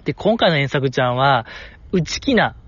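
A man hosting a podcast, chatting casually on his own in a rambling, animated way. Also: mid-range voice, moderate pace, breathy edge, dry recording, lo-fi sound. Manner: rambling, animated, with frequent laughs. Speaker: podcast host. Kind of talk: casual solo chat.

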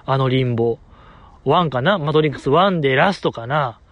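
A man's voice: mid-range voice, normal speed, fairly bright tone, no echo, muffled recording. A man hosting a solo podcast episode, chatting casually and joking at his own expense. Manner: joking, self-mocking, chatty. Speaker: podcast host.

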